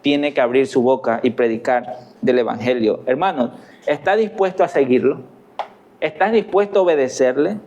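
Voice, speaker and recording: A man's voice: medium pitch, moderate pace, darkish tone. A middle-aged man preaching a sermon as pastor, earnestly putting questions to the congregation.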